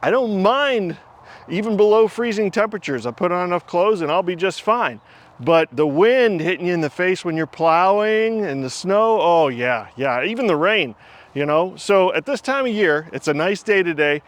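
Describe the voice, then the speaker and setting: A man in his fifties hosts a casual vlog, talking to the camera and rambling to himself as he works outdoors. His voice is high-pitched with lively intonation, and he speaks at a moderate pace.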